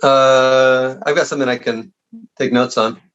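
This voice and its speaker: A man hosting a podcast interview, chiming in with short agreements and asking halting questions. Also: mid-range voice, steady tone, fairly bright tone, muffled recording. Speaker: podcast host.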